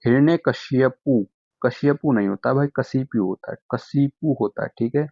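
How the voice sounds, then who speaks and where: A young man teaching a Hindi exam-prep lesson, calling students his friends, repeating "okay" again and again, and saying tricky words out slowly syllable by syllable. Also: medium pitch, gravelly, dark tone, no room sound, highs cut off. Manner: addresses students as friends, repeats "ठीक है" constantly.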